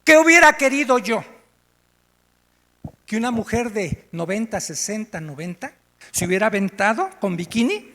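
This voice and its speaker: A man's voice: high-pitched, normal speed, pauses often. A man with a Mexican accent preaching a sermon, telling stories animatedly and asking the congregation questions. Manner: animated storytelling, asks the congregation. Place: church meeting room. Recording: echoey church hall.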